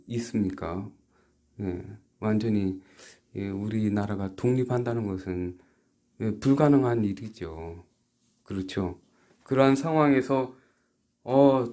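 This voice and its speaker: In a lowish voice, a South Korean pastor preaches a sermon in halting fashion. He drifts between quiet asides and emphatic rhetorical questions.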